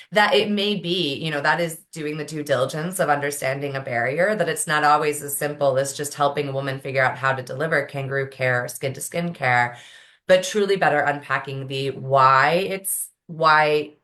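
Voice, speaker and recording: A woman's voice: deep voice, moderate pace, fairly bright tone. A woman panelist speaking earnestly and fluently on an online panel, using rhetorical questions. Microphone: video call.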